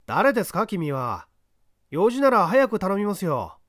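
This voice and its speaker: A man voicing a brisk young newspaper reporter who talks curtly and impatiently on the phone. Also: high-pitched, sing-song, fairly bright tone, dry recording, studio quality, pitched above the performer's own voice, heavily acted. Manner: curt, impatient, then deliberately slow. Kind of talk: audiobook character voice.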